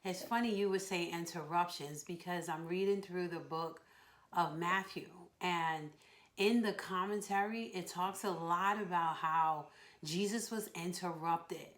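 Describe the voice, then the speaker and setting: A woman's voice: on the low side, measured pace. A woman sharing a personal story in a devotional with her husband, earnest and reflective, over a video call. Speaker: wife co-hosting a devotional. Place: home, joining an online meeting.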